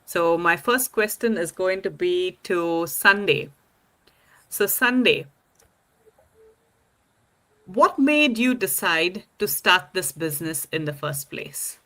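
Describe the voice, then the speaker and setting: Woman, panel host, bright tone, slightly low voice, upbeat, welcoming, video call. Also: lively intonation, slow, pauses often. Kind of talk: live-stream panel hosting.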